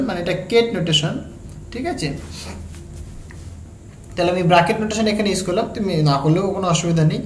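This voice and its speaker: A woman with a Bengali accent teaching exam-prep physics, explaining each step slowly and often pausing to ask her students whether they follow. Her voice carries a noticeable echo from the room. A faint hum sits underneath. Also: lowish voice. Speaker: physics tutor.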